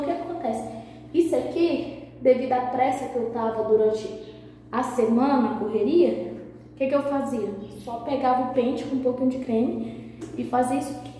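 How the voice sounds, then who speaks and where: Hoarse and nasal from a sore throat, a woman in her thirties records a vlog in a cramped tiled bathroom, keeping her voice low and soft. Her phone camera sits at arm's length, and the audio comes out muffled and echoey with faint hiss or hum.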